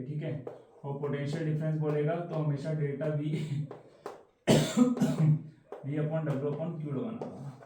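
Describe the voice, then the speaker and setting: A man's voice: a little high, mellow, slight background noise. A man teaching a casual science lesson for exam prep, chatty and repeating questions back to the students. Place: room, standing at a board. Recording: very echoey room.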